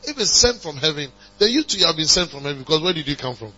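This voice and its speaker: Pastor preaching hard, bright husky voice, kinda muffled recording with hum. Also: male voice, fairly high pitch, very animated, fast talker. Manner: rising to emphatic preaching, congregation call-and-response. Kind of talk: sermon. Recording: dull lo-fi recording with mains hum.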